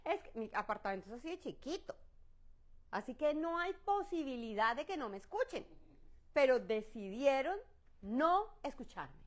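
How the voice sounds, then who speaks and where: A woman with a soft, high voice teaching a church Bible study. She is lively and expressive, with her pitch swooping up and down. She often slips in exclamations in English. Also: moderate pace.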